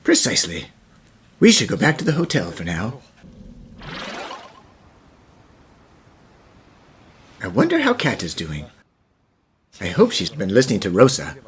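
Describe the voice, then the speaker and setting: A man voicing a composed, thoughtful gentleman professor who explains things formally in an animated fan dub. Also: lowish voice, a little fast. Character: gentlemanly puzzle-solving professor, thoughtful, devoted father.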